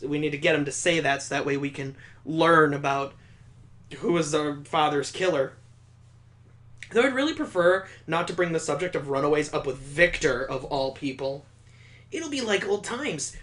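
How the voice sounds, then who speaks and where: A man's voice: on the high side, a bit bright. A man giving casual, sarcastic commentary while playing a story game. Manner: sarcastic, joking. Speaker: let's play host. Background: faint music.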